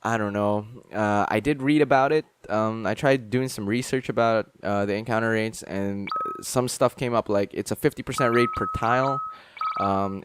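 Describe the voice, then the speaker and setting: A young man hosting a let's play talks casually about the game, rambling with lots of fillers and restarts, while game music plays behind him. His voice is fairly low and the recording is very noisy.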